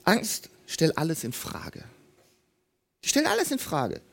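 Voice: medium pitch, wildly swooping pitch, measured pace, vocal fry, a bit bright, husky. A preacher giving an emphatic sermon, addressing the congregation directly and repeating key phrases for weight.

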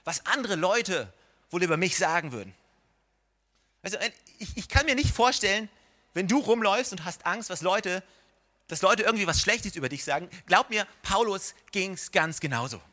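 A man's voice: high voice, animated, normal speed, sharp tone. A man preaching a sermon in a church, addressing the listener directly with rising and falling emphasis. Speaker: pastor.

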